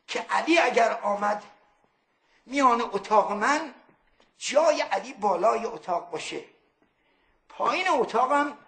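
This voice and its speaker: A man's voice: sits high, a bit bright, reverberant, voice pushed down. A man voicing a grieving devout man who pleads in a chanted lament. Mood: resolute.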